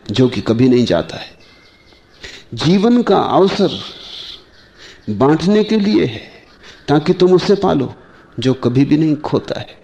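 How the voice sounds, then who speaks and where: A man giving a slow, measured spiritual discourse, pausing often and asking his listeners rhetorical questions. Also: mid-range voice, darkish tone. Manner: slow, measured delivery with long pauses. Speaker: spiritual teacher.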